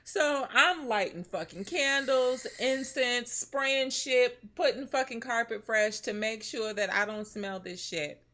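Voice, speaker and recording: Bright-voiced woman telling a profane story. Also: fairly high pitch, slow pace, few pauses. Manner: animated, profane, laughing storyteller. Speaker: streamer co-host. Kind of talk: casual storytelling on a live stream.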